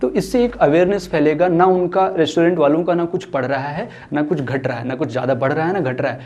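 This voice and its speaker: A man's voice: a little high, fast, darkish tone, lo-fi sound. A young man speaking for a foundation in an earnest social-cause talk, mixing English phrases into his speech and often restarting sentences.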